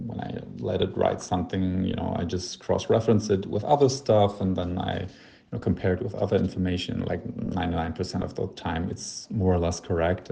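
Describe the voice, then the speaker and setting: Late-twenties German man, casual voicemail, halting and self-deprecating, gravelly low voice. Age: 20s. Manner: rambling, hesitant, full of fillers and restarts; self-deprecating, soft laughs. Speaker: voicemail sender. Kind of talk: casual voice message.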